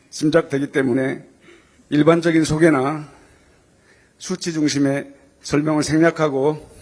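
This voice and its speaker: Male, fairly high voice, community leader reading a ceremonial welcome address, earnest and respectful. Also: a little mellow. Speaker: Korean community association president giving a welcome address. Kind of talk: formal prepared speech.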